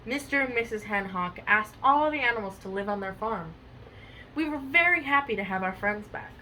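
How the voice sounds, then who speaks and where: A woman's voice: medium pitch, lively intonation, normal speed, bright, forceful tone, slight background noise, low-quality recording. A young woman reading a children's storybook aloud, chatty, with many fillers between pages. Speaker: storybook reader. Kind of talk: casual chat and read-aloud storytelling.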